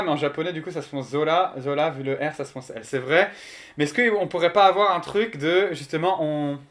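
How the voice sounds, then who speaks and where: A man's voice: on the high side, fairly bright tone. A man streaming live, chatting casually and joking as he thinks aloud and answers his chat.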